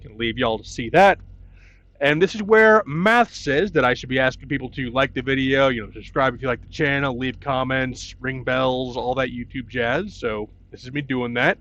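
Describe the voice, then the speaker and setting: A man's voice: mid-range voice, a bit bright. A man hosting a casual let's play, chatty and jokey with folksy turns of phrase. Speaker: YouTube gaming host. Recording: dull audio with music behind. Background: game music.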